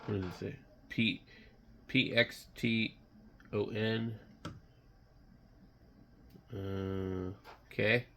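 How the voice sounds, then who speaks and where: Male hobbyist vlogger, sick, unhurried and gravelly, rambling bluntly off the cuff while browsing. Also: on the low side, fairly even intonation, sharp tone, slight background noise. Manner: muttering, unscripted, halting, blunt. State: sick, occasional coughing and throat clearing. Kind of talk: casual rambling commentary while browsing online.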